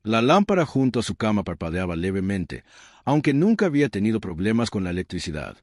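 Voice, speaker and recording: A man's voice: fairly low pitch, big pitch swings, a little fast, no echo, studio quality. A man reading a scripted horror story in a dramatic, suspenseful storytelling manner. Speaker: narrator.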